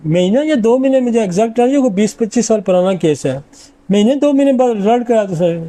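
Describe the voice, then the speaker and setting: A man's voice: high-pitched, lively intonation, dark tone. A middle-aged man, a homeopathic doctor, giving an informal lecture and confidently rattling off long lists of remedies.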